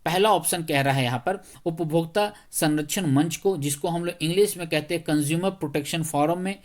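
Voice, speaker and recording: A man's voice: on the high side, fairly quick. Slightly unwell man explaining exam questions. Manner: conversational, checks in often with rhetorical questions. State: slightly unwell, speaking slowly. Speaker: teacher.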